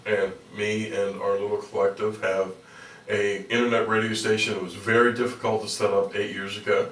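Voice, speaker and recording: A middle-aged American man telling stories as a radio interview guest, rambling and halting with dry humor. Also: lowish voice, level tone, a bit bright. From Pittsburgh, United States. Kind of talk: conversational radio interview storytelling. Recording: echoey room, distant from mic.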